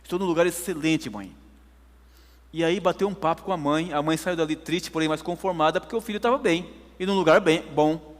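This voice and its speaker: A man's voice: fairly high pitch, a little fast, big-room sound. A man preaching a sermon, telling a story emphatically to his congregation. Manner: emphatic storytelling, addresses listeners as brothers.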